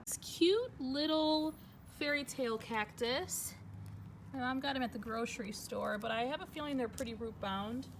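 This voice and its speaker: A woman with a high-sitting voice speaks at a normal speed, hosting a casual, chatty hobby vlog and gushing informally as she talks. The recording is clear of background noise.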